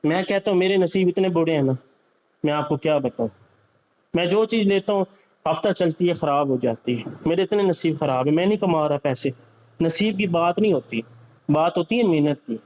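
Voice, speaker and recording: A young man with a fairly high voice lectures his sales team in a motivational talk, circling back to the same points again and again. He speaks directly to them. The recording sounds dull and lo-fi. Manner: lecturing, repetitive, addresses listeners directly. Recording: slightly dull, lo-fi audio.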